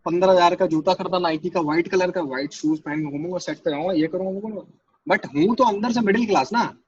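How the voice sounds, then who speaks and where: A man's voice: high-pitched, fast talker, slightly rough, no echo, dull audio. A man, a guest in a casual interview, telling stories animatedly, acting out quotes and cracking crude jokes. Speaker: assistant director guest. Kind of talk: casual conversation.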